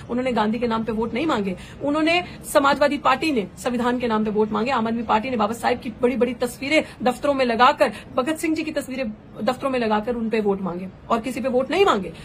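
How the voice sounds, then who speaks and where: Woman activist, higher register, impassioned rhetorical speaker, mixes in English phrases. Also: a little hiss or hum. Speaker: political activist and candidate. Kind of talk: impassioned live political address.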